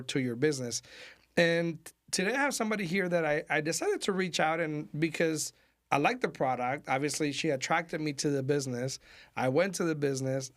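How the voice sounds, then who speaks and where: A middle-aged man hosting a casual interview, chatty and friendly, laughing often as he asks questions. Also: a little high. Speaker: podcast host.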